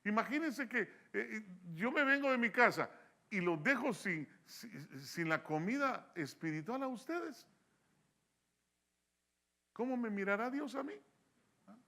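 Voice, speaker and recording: A middle-aged man preaching a sermon as a church pastor, impassioned, acting out quoted voices and rising to loud peaks. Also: high voice, gravelly. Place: church sanctuary.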